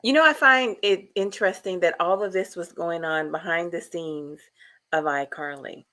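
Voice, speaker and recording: A woman's voice: lowish voice, normal speed, pushed and bright. A woman hosting a casual podcast chat who laughs easily and puts questions to her guests. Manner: chatty and laughing, asks the group questions. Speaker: podcast host.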